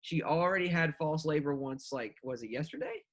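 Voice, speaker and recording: A man's voice: on the high side, lively intonation. A man co-hosting a podcast, joking and teasing his guest in casual chat. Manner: joking, teasing, quick to banter. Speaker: podcast co-host.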